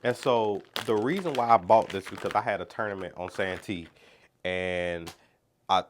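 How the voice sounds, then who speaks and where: Low-voiced, congested man chatting casually. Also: normal speed, a little hiss or hum. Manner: chatty and rambling, with lots of "like" and "so". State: congested, talking through his nose. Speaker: fishing channel host. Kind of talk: casual unboxing vlog.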